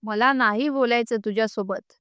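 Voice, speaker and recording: A woman's voice: fairly high pitch, normal speed, bright, forceful tone, clean tone, dry recording, clean studio sound. A woman voicing a hurt, stubborn young husband in a storybook reading, with curt lines.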